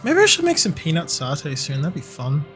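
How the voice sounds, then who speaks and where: A man's voice: fairly high pitch, huge pitch swings, brisk, fairly bright tone, faint music behind. A young man chatting casually and swearing freely while streaming a game. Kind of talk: casual live-stream chat while gaming.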